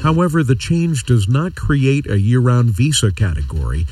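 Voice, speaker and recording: A man's voice: medium pitch, animated, normal speed, mellow, recorded from a distance. An American man reading a scripted agricultural news report for radio.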